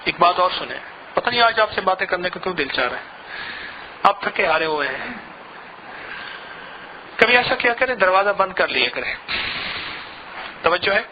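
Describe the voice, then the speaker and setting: A man's voice: high-pitched, animated, pauses often, muffled recording, a little hiss or hum. A man giving an emotional devotional sermon as a spiritual lecturer, pleading and repeating phrases as his intensity swells.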